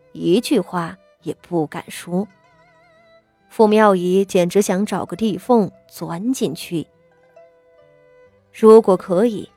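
Audiobook narrator: woman, sweet and gentle, mellow tone, unhurried read, dry close sound, soft music beneath. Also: mid-range voice, no echo. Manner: measured storytelling delivery. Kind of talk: scripted novel narration.

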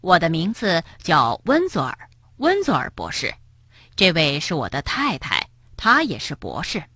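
Woman doing a sly, hushed stork gentleman. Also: mid-range voice, very animated, unhurried, no echo, clean studio sound, heavily acted. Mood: smooth. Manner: smooth, hushed and ingratiating. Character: sly, overly polite stork doctor, male.

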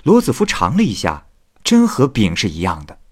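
A man's voice: lowish voice, moderate pace. A man narrating a classic tale expressively, voicing each figure himself. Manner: expressive, lively, voices every figure. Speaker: storyteller.

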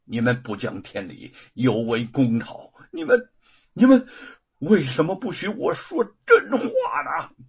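A man's voice: medium pitch, sing-song, a little slow, gravelly, husky, full character voice. A man voicing a defiant, wounded scholar in a told story, indignant and pleading. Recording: dull lo-fi recording.

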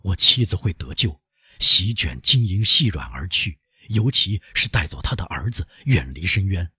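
A man's voice: sits low, very animated, moderate pace, pushed and bright, breathy edge, no echo, clean studio sound, exaggerated voice. A man voicing an anguished, guilt-ridden middle-aged male prosecutor in an audiobook, with frantic, self-accusing outbursts. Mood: brooding resolve. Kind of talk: audiobook character voice.

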